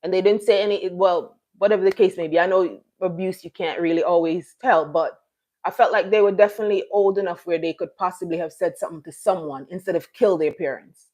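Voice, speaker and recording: A live stream host, a middle-aged woman from Jamaica, chats with viewers in a brisk, steady voice that's on the low side and a little mellow. She tends to ramble, using many fillers and restarting her sentences.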